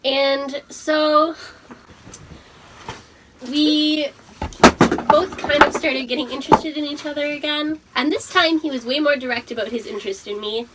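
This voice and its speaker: A young adult woman hosting a storytime tells friends a casual personal story, giggly and drunk, swearing freely. Her voice is high, her pace measured, and she pauses often, picked up by a distant mic with faint background noise.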